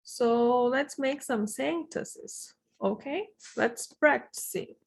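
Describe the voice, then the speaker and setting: A woman's voice: on the high side, extremely slow, gravelly, breathy edge. A Brazilian woman teaching Portuguese vocabulary in English with a Brazilian accent, patiently saying each word twice before translating it. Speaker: language teacher. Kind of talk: slow language lesson with repetition drills.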